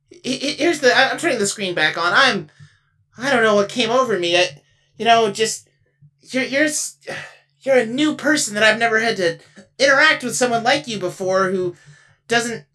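A woman's voice: fairly high pitch, pushed and bright, distant mic. A woman voicing an earnest life-loving space being. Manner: earnest, flustered, stammering when upset. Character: cheerful childlike spaceship entity who loves all life. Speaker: improv comedy performer. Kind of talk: improvised comedy podcast.

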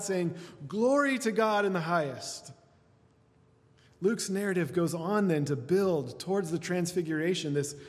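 A man preaching in a church, his fairly high voice ringing out as a long reverb trails behind each phrase. He stacks points one after another and lifts his emphasis as each list builds. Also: a little mellow. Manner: builds through lists with rising emphasis. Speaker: pastor. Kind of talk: sermon.

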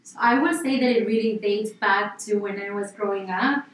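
An Argentine woman, an interior designer appearing as a guest on a podcast interview, speaks at a normal speed in a mid-range voice from an echoey office. She rambles casually with many fillers and restarts, and the mic sounds distant, with slight background noise.

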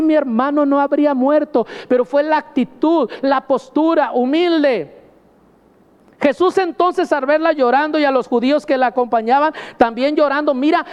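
A man's voice: very high-pitched, a little mellow, big-room sound. A man preaching a sermon, speaking emphatically and often addressing his listeners as brother. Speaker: pastor.

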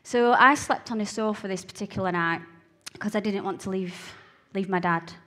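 A woman with a broad Scottish accent from Glasgow gives a personal testimony. Her voice sits at a medium pitch. She speaks earnestly and haltingly, often repeating a phrase to drive it home. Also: pushed and bright. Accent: broad Glaswegian Scottish. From Glasgow, Scotland. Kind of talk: personal testimony told to listeners.

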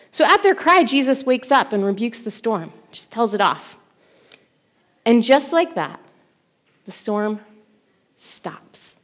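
Woman in her 30s giving a sermon, kinda high voice, goes urgent then super hushed. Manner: expressive storytelling, swings from urgent to hushed. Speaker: preacher.

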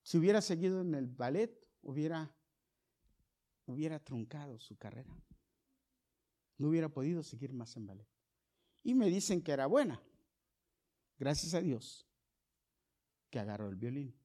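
Fervent male preacher, loud then hushed. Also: lively intonation, moderate pace, pauses often. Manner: swings from loud calls to soft low storytelling. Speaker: pastor. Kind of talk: sermon.

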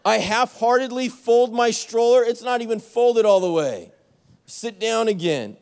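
A young adult male pastor preaching a sermon, telling a story with animated back-and-forth and poking fun at himself. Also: very high-pitched, a little slow, gravelly, clean tone, long reverb tail. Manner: animated storytelling, acts out both sides of an argument, self-mocking. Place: church sanctuary.

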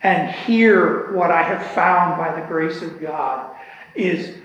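A man leading a church Bible class discussion, speaking in a slow, earnest and reflective way. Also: a little high, a bit bright. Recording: echoey hall with long reverb.

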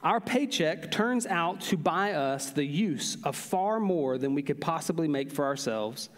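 A man preaching a sermon, telling stories with an animated, drawn-out emphasis. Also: fairly high pitch. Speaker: pastor. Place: large church hall. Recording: long reverb of a large hall.

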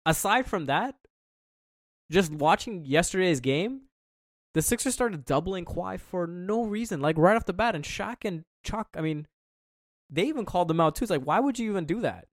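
Lively, slightly high-voiced man. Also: moderate pace, no echo, clean studio sound. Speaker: sports panelist. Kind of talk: casual sports talk.

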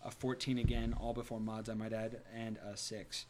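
A man's voice: lowish voice, level tone, normal speed, a little mellow, a little hiss or hum. A man narrating a tabletop game as game master, improvising in a theatrical way.

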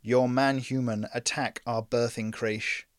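A man voicing a huge spider-like male alien diplomat who speaks in slow, clipped, broken phrases. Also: mid-range voice, flat delivery, no room sound, studio quality, natural voice. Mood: stern.

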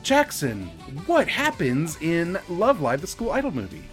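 A man's voice: fairly high pitch, huge pitch swings, measured pace, soft background music. A man co-hosting a podcast in casual chat, throwing in wry, joking asides. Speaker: podcast co-host.

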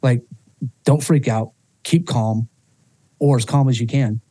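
A man's voice: mid-range voice, fairly even intonation, unhurried, mellow, breathy edge, dry recording. A man guest on a podcast telling a personal story with emotion, swearing freely and restarting his sentences often.

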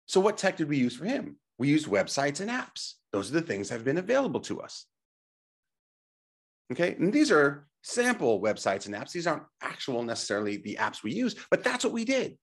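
A husky-voiced middle-aged man teaches in a motivational presentation. His pitch moves up and down a lot as he stresses his points. He coaches the listener directly, with rhetorical questions and quick check-ins. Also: huge pitch swings. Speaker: presenter and teacher on health technology.

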